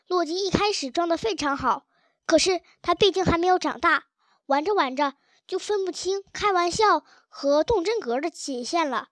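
A woman narrating a children's storybook chapter with a gentle, expressive reading. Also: extremely high pitch, moderate pace, dry recording. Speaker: audiobook narrator.

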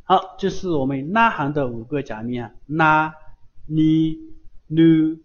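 A man's voice: mid-range voice, expressive, a little fast, muffled recording. A man teaching kana pronunciation in an online lesson, drilling each syllable over and over with patient repetition. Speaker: Japanese language teacher.

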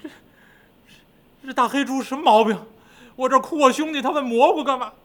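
A man voicing a grieving, vengeful male demon king who gives orders in a slow, solemn, commanding way. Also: very high-pitched, animated, pushed and bright, pitched above the performer's own voice, exaggerated voice. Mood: baffled.

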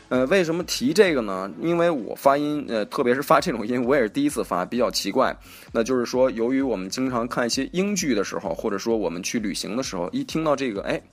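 A man hosting a casual spoken lesson on English pronunciation, chatty, correcting himself as he goes and repeating example words aloud. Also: medium pitch. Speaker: host teaching English pronunciation.

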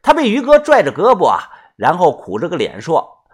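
A man narrating an audiobook story in a colloquial, lively way. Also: fairly high pitch, moderate pace, husky. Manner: lively, colloquial, filler particles.

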